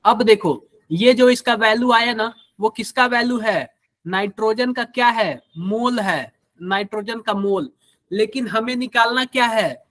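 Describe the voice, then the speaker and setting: A man's voice: sits high, measured pace, a bit bright, dry recording. A man with a Hindi accent teaching a live online chemistry class, quizzing students and using everyday examples.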